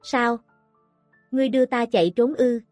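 A woman's voice: on the high side, moderate pace, darkish tone, no echo, soft background music, lightly acted. A woman voicing a blind, broken old male prisoner who speaks with sorrow and regret. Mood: grieving. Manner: sorrowful, sighing.

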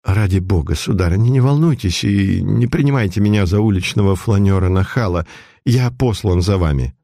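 A man's voice: sits low, moderate pace, vocal fry, warm tone, dry recording, studio quality. A man playing an urgent, commanding doctor. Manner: polite but insistent.

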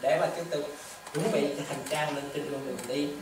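A Buddhist monk giving a dharma talk to lay followers, with repetitive, animated storytelling and rhetorical questions. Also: medium pitch, moderate pace, background noise. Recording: echoey hall, distant mic, faint ambience.

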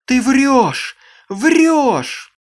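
A frantic teenage girl, her voice pitched high and strained, swinging from begging to shrill shrieks, as a male audiobook narrator puts her on. A storybook figure read aloud, desperate and unheard. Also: moderate pace, close to an everyday voice. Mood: shrieking. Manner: shrill, pleading, near hysterical.

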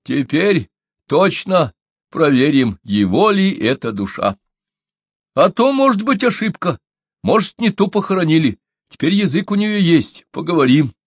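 Sly old shaman, raised and booming, read by a man; boastful, chanting. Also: very animated, unhurried, breathy edge, no room sound, studio quality, heavily acted. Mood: probing. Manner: shouting, sing-song chanting.

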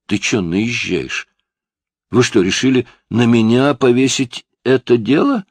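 A man with a low, gravelly voice voicing a brash, insolent teenage boy under police questioning who mocks in rude slang. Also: measured pace, no room sound.

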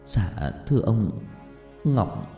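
A man voicing a shaken young village man who speaks softly and haltingly with small stammers, in a reverberant recording with faint music. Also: fairly low pitch, very animated, heavily acted.

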